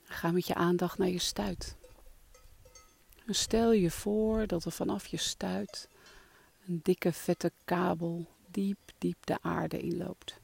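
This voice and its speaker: A soft-spoken meditation guide leading a relaxation exercise in a calming, breathy voice that trails into whispers. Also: mid-range voice, takes it slowly.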